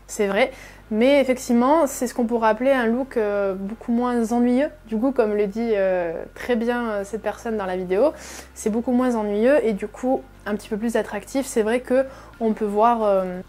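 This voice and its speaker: A woman's voice: fairly high pitch, a little mellow. A woman hosting a reaction video, explaining casually with many fillers and frequent restatements. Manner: chatty, many fillers and repeated "effectivement".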